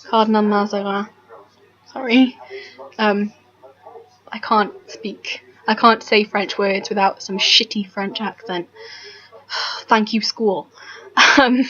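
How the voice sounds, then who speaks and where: A woman's voice: mid-range voice, fairly even intonation, slow pace, pauses often, pushed and bright, lo-fi sound. A woman rambling casually about history to camera, self-deprecating, full of ums and restarts, sounding tired in the early morning. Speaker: history vlogger.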